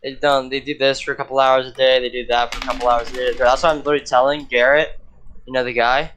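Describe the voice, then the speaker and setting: A man's voice: mid-range voice, little pitch movement, fast, a bit bright, slight background noise. A teenage man on a podcast chatting casually, hyped up and slangy, saying bro and dude a lot. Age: teens. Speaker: podcast co-host.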